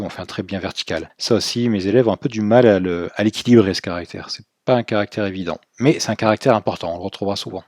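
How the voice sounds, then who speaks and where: A man's voice: lowish voice, no room sound, clean studio sound. A man teaching in a recorded video lesson, explaining step by step in a patient way, with fillers as he goes. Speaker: Chinese language teacher.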